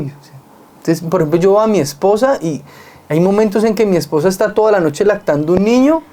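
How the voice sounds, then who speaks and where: The earnest Colombian speaker has a high-sitting voice here. His manner is mellow and warm in a relaxed, reflective conversation, and he builds his points using plain everyday examples.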